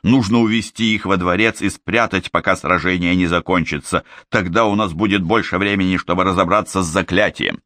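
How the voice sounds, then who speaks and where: Man reading as a terse warrior-mage, low and commanding, dry audiobook read. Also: fairly even intonation, a little fast, few pauses, sharp tone, no echo. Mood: stern. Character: gruff, stern male sorcerer warrior.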